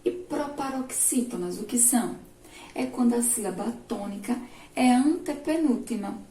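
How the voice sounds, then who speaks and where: A woman primary school teacher with a Brazilian Portuguese accent, giving a remote lesson slowly, step by step, and asking the class questions. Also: on the high side, dark tone. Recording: echoey room, distant mic, faint noise.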